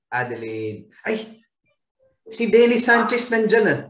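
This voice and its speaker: A man's voice: high voice, very animated, takes it slowly, fairly bright tone. Easygoing man on an echoey call. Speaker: guest. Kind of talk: casual chat. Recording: echoey, dull call audio.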